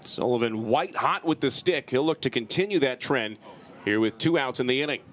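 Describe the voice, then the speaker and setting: Man, mid-pitched voice, live baseball play-by-play, outdoor ballpark broadcast. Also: animated, normal speed, fairly bright tone. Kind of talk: live sports commentary.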